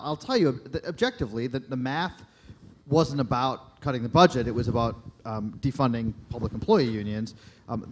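A man's voice: medium pitch, slight background noise. A man speaking as a documentary filmmaker in a panel discussion on a library auditorium stage, earnest, with frequent restarts and fillers.

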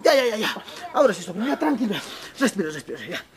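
A man's voice: sits high, very animated, fast talker. A man playing a weepy jobless uncle. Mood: soothing. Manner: pleading, defensive, weepy. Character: jobless, soft-hearted middle-aged uncle.

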